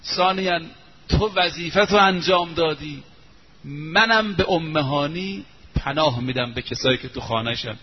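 A calm, wise prophet who speaks in a gentle, measured way, as a male preacher voices him. The sound is muffled and lo-fi, with a faint hiss. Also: fairly high pitch, natural voice.

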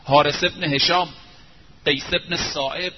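Male preacher, sermon storytelling, emphatic, fairly high voice, muffled lo-fi recording. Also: steady tone. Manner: emphatic, drawing out quoted phrases slowly. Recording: muffled lo-fi recording, faint hiss.

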